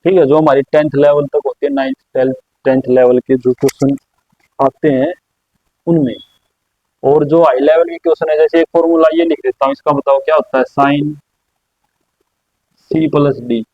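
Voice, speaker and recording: A man teaching a maths lesson at a board, explaining slowly and repeating his own questions for the class. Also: on the high side, fairly even intonation, no echo. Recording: dry, slightly dull lo-fi sound.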